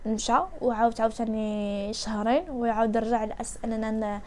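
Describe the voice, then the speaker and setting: A woman's voice: fairly high pitch, flat delivery, quick pace, dark tone, a little hiss or hum. A young Moroccan woman vlogging, chatting casually as she tells a personal story to her viewers and repeats her words for emphasis.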